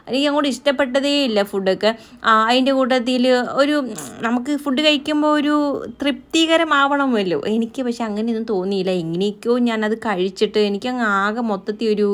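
Fast-talking chatty woman vlogger. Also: a little high. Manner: chatty and storytelling, often adding a friendly "you know". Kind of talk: voice-over narration of a daily vlog.

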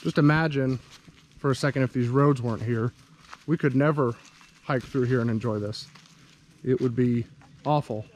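A man narrates in a relaxed, explanatory way as he walks along a woodland road, his voice at a middling pitch. A faint wash of outdoor noise sits behind him. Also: moderate pace, pauses often. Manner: relaxed, explanatory, walking and talking. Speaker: vlogger, farm owner. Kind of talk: casual narration to camera. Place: outdoors in rural woods.

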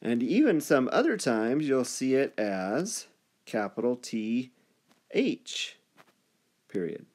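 Slow-paced man dictating spellings. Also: medium pitch, sing-song, darkish tone. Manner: dictating, spelling out letters and punctuation deliberately. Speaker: third-grade teacher. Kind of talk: grammar video lesson.

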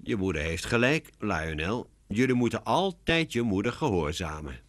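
A man doing a calm, sensible older lady. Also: fairly low pitch, normal speed. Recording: music bed behind.

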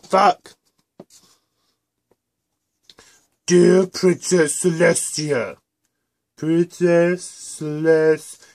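A man voicing a furious, foul-mouthed young mare unicorn scholar in a parody cartoon dub, yelling and bossy. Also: on the high side, flat delivery, extremely slow, vocal fry, exaggerated voice. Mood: pompous.

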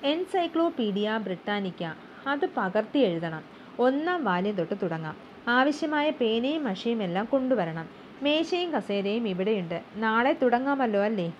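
A woman voicing a shrewd, smooth-talking male manager, measured and businesslike, in a storybook reading. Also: fairly high pitch, sing-song. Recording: slightly dull with faint hum.

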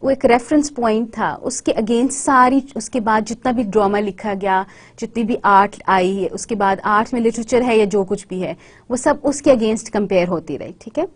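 A woman lecturer giving a recorded university lecture. She switches between Hindi-Urdu and English and often stops to check that the class follows. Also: medium pitch. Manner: slow deliberate English phrases, quick runs in Hindi-Urdu.

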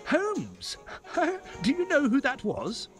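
An actor playing Doctor Watson, a gentleman sidekick who narrates an audio drama in a measured storytelling manner. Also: extremely high pitch, wildly swooping pitch, full character voice. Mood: bemused. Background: music.

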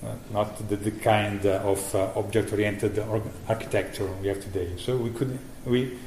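A middle-aged man giving a conference keynote about software he maintains, speaking haltingly with many fillers and restarts. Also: on the low side, steady tone. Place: conference hall. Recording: echoey room with faint noise.

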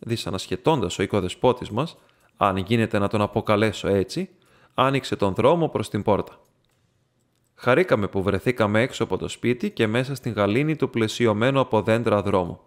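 A man reading a detective story aloud as an audiobook narrator, in a steady, even manner. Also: fairly low pitch. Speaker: audiobook reader.

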